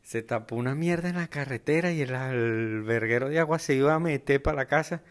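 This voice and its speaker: A man's voice: medium pitch, fairly quick. A man with a Venezuelan accent hosting a casual solo podcast, rambling and joking in heavy slang. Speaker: podcast host.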